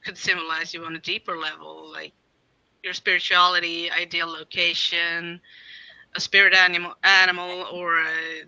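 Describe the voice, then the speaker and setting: Bright, gravelly woman. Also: fairly low pitch, level tone, normal speed, no room sound, highs cut off. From Sweden. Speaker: artist and intuitive guide. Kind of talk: casual video-call chat. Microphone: video call.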